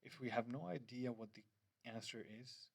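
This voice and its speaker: With a gravelly, mid-range voice at normal speed and no room sound, a man whose native language is Finnish demos an app on a screen recording. As the developer, he speaks hesitantly, with frequent fillers, restarts, and loose phrasing.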